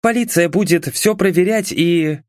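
A man's voice: sits high, moderate pace, no room sound, studio quality, pitched above the performer's own voice, lightly acted. A man voicing an irritable, nervous young woman lawyer who grumbles and swears in an audiobook. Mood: scolding. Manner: sharp, complaining, swears.

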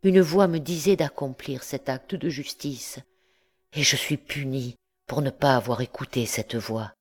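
A woman's voice: extremely low pitch, unhurried, breathy edge, exaggerated voice. A woman voicing an anguished young man. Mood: remorseful. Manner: pleading, earnest. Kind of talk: audiobook reading.

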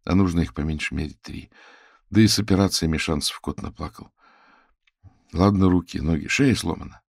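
A man's voice: sits low, a little fast, creaky, slightly rough, no echo, heavily acted. Bitter young guy sorcerer student, tense and worn out, a man doing him, dry close sound.

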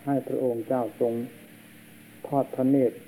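A man, a monk, giving a slow and solemn sermon, heard on an old worn tape. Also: mid-range voice, level tone, dark tone, rough recording. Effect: old worn tape recording.

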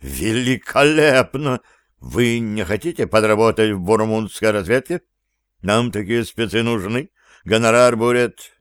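A man's voice: on the low side, animated, a little slow, smooth, dry recording, clean studio sound. A man voicing an eager, easily offended male spy in an audiobook. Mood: eager, indignant. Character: Sapkar, eager male spy, loyal to his prince.

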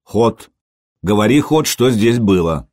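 A man's voice: fairly low pitch, expressive, a little mellow, dry recording, clean studio sound. A man doing a stern, commanding young prince. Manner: slow and authoritative.

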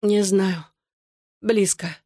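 Woman reading a feverish girl, hoarse and weak, pitched a little above her own voice, dry close sound. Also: fairly even intonation, very slow, mellow, no echo. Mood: pleading. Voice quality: hoarse, whispering. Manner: weak, pleading. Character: sick frightened girl pleading hoarsely.

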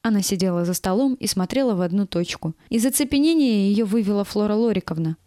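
A woman's voice: mid-range voice, expressive, quick pace, warm tone, no room sound. Woman narrating a story, dry close voice. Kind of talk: first-person audiobook narration.

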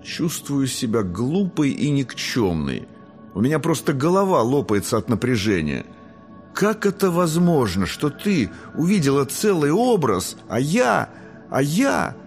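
A man voicing a young, rebellious and curious girl angel who talks in excited squeals. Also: mid-range voice, moderate pace, soft background music, pitched above the performer's own voice, natural voice. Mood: upset.

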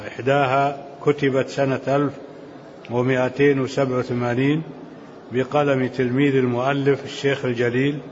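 Arabic sheikh explaining a text in a lesson. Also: male voice, medium pitch. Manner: explains slowly, asks the reader questions. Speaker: sheikh teaching the book. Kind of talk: lecture commentary on a text. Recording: dull lo-fi recording with faint hiss.

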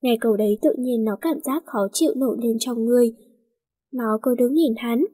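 Role: narrator. Sex: woman. Style: storybook reading, steady and flowing. Sound: fairly high, husky, dry. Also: normal speed, no echo.

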